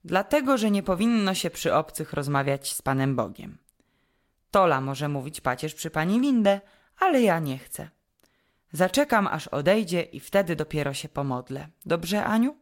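A woman voicing an earnest, tearful eight-year-old boy in a storybook reading, lifting into a higher childish tone. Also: sing-song, moderate pace.

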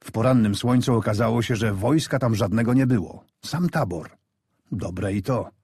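A man narrating a war story in a measured storyteller's way, lifting his voice for the soldiers he quotes. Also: fairly low pitch, darkish tone, breathy edge, dry recording, clean studio sound.

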